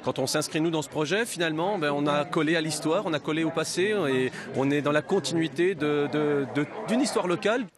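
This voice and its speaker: Higher-voiced man interviewed amid crowd noise. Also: brisk, few pauses. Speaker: teacher being interviewed. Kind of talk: spontaneous interview. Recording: busy crowd chatter behind.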